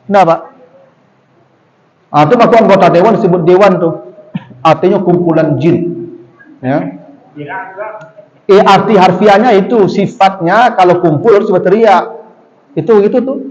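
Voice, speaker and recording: A male Islamic preacher, giving a lively, rhetorical sermon that speaks directly to the congregation. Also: high voice. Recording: dull, long-reverb hall sound.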